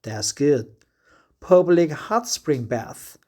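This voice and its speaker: A man in his fifties from Korea, speaking with a Korean accent as a native Korean speaker, vlogs in a casual diary style and reads aloud. His fairly high, darkish voice has a sing-song lilt and he draws out his words. He is hesitant, with lots of filler sounds.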